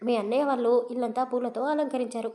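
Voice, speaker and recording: A woman voicing a middle-aged husband who calls out urgently as he rushes in. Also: on the high side, steady tone, mellow, natural voice. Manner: calling out urgently.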